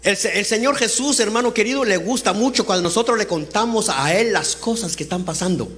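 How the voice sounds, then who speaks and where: High-voiced man preaching. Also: a little fast, fairly bright tone, slight background noise. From Honduras. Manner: conversational, asks the congregation questions, laughs while talking. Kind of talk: sermon. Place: church service.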